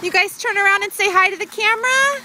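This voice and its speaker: A high-pitched young mother narrates a family home video on home camcorder audio. She coaxes her toddler in a sing-song voice through the built-in camera mic. The sound is noisy, with outdoor ambience clearly present behind her. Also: fast talker. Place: outdoors between two museums.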